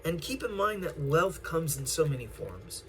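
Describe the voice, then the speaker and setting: A man giving a spiritual tarot reading to an online audience, speaking in a gentle, affirming way and calling his listeners darlings and collective. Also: fairly high pitch, very animated, normal speed, a little hiss or hum. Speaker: tarot reader.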